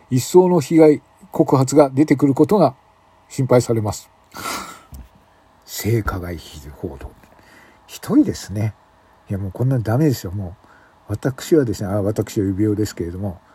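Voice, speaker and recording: A man's voice: medium pitch, slightly rough. A man hosting a comic talk show, reading mock news and feigning outrage. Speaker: radio talk host.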